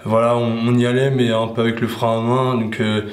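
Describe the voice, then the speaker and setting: A man's voice: mid-range voice, level tone, brisk. Hesitant young man, echoey room. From Paris region. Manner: hesitant, many restarts and fillers. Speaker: ski instructor trainee. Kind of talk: documentary interview. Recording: echoey room with faint noise.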